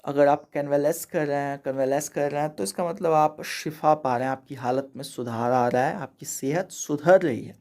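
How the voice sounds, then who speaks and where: A man's voice: on the high side, normal speed, few pauses, darkish tone. A man from India giving a casual, chatty vocabulary lesson over slides, explaining each word and checking in with "theek hai" after every point. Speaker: English teacher.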